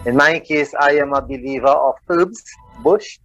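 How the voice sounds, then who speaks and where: A man's voice: a little high, moderate pace, fairly bright tone, soft background music, low-quality recording. A man with a Trinidadian accent talking conversationally as an interview guest, earnest and repeating phrases for emphasis.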